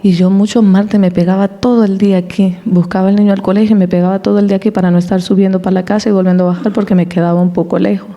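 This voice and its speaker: Woman, church testimony, animated storyteller, warm dark tone, long hall reverb. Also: medium pitch, rapid-fire, few pauses, muffled recording. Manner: animated storytelling, acting out quoted dialogue; laughs between anecdotes. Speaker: church speaker giving a testimony. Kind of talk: personal testimony in a church service.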